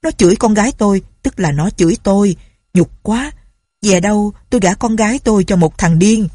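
A woman's voice: on the low side, a little fast, darkish tone, breathy edge, no echo, studio quality. A woman reading a storybook aloud voices the bride's furious father, scolding in an indignant tone.

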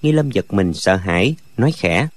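Animated male audiobook narrator. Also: fairly low pitch, moderate pace, dry recording. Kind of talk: storytelling narration.

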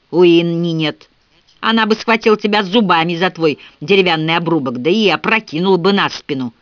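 A man's voice: on the high side, fairly bright tone, dry recording, natural voice. A man playing a surly, grumbling old rustic with a wooden leg. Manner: gruff, grumbling. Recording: dull, dry lo-fi recording.

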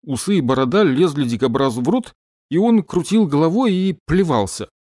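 A man narrating an audiobook, telling the story expressively and giving the characters lively voices. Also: a little high, a little fast, dry recording, clean studio sound.

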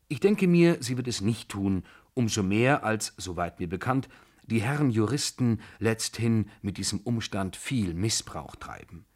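Brief: man reading a jittery, defiant young tutor, wordy and excitable, low voice, radio drama reading. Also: husky. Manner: overwrought, self-justifying, wordy.

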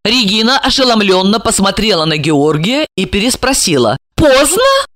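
A woman reading a novel aloud as the audiobook narrator, in an expressive storytelling manner. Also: mid-range voice, moderate pace, no room sound, clean studio sound. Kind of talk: scripted narration.

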